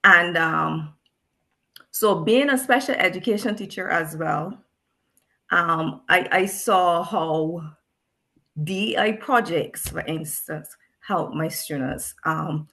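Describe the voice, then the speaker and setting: Slow-speaking woman teacher. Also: lowish voice, gravelly, bright, forceful tone. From Barbados. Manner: thoughtful, repeats words as she searches. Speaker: guest teacher. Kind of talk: reflective discussion.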